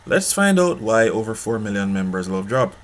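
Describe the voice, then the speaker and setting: A man with a somewhat low voice hosts an informal review of a money-making app. He speaks casually, circles back to the same points, and keeps asking the viewer "okay?" as he goes. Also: very animated, normal speed. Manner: pitchy, repeats himself, asks "okay?" often. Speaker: online money-making channel host.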